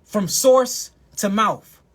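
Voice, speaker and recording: Husky man preaching health, emphatic. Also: lively intonation, a bit bright. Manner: emphatic, repetitive, drawls key phrases slowly, asides in a low mutter. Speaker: herbal health speaker.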